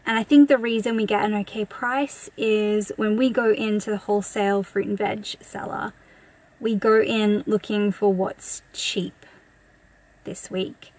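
A woman's voice: medium pitch, steady tone, a little slow, darkish tone. An Australian woman in her thirties, chatting casually through a grocery haul and listing prices in a matter-of-fact way from inside a parked car. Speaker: vlogger.

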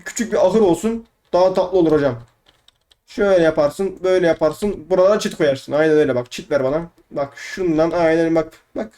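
A young gaming YouTuber gives casual let's-play commentary, chatty and playfully swearing, often repeating words over and over. His voice is fairly high-pitched, brisk and dark in tone.

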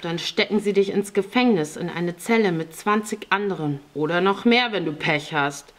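A woman's voice: fairly low pitch, normal speed, natural voice. A woman voicing a hard, threatening grown man in an audiobook reading. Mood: menacing. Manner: harsh, threatening. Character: stern, menacing grown man.

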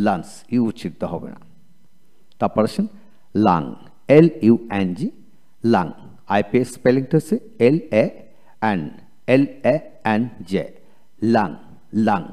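A man with a Bengali accent and a mellow, medium-pitched voice teaches English spelling in a video lecture. He drills slowly and repetitively, spelling each word letter by letter and repeating it.

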